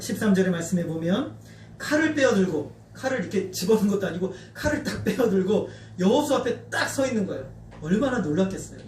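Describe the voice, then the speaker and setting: A man from North Jeolla preaching a sermon as pastor, animated and acting out quoted voices. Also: sits high. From Korea, North Jeolla. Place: church sanctuary. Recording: echoey church hall, distant mic, faint noise.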